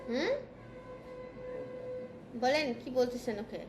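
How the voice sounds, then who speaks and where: A woman with a Bangladeshi Bengali accent teaching a design software class, checking in often with her students. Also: a little high, expressive, slow pace, soft background music. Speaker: design tutor. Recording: echoey room with background noise.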